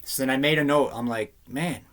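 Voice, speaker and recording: A man's voice: medium pitch, fairly even intonation, fast, a bit bright. A man in a rambling, heated, slangy rant to camera, often saying man and dude. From Canada. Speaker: vlogger.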